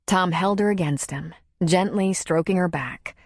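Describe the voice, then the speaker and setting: A woman narrating a romance audiobook in a measured, even reading. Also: on the low side, no room sound, clean studio sound. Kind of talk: scripted narration.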